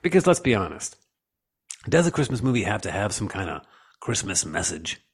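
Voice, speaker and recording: A man's voice: on the low side, big pitch swings, brisk, breathy edge. Playful, profane male podcast host. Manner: playful, profane, theatrical riffing. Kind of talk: casual comic chat.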